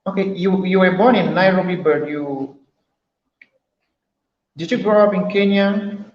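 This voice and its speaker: A Cameroonian man with a high voice hosts a casual group call for an online health forum, speaking English with a Cameroonian accent at a measured pace. He's chatty, quizzes his guests and often repeats himself. The recording is muffled and roomy, with a little hiss or hum.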